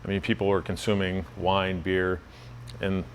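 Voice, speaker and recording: A man's voice: sits low, flat delivery, moderate pace, a little hiss or hum. A man interviewing someone in casual chat, with informal, loosely phrased questions and easy agreement.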